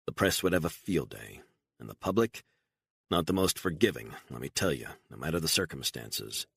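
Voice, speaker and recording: A man doing a cold, steady operative. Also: a bass voice, moderate pace, gravelly, breathy edge, no room sound, heavily acted. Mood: firm. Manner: calm, firm. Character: calm, hardened male operative.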